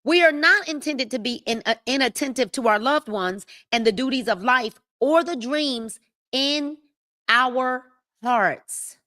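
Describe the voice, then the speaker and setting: Woman, 50s, motivational book-club host, high-pitched, preachy cadence. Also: pushed and bright, no room sound, clean studio sound. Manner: preachy, drawn-out reading with asides to viewers. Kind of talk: live-stream book reading and motivational talk.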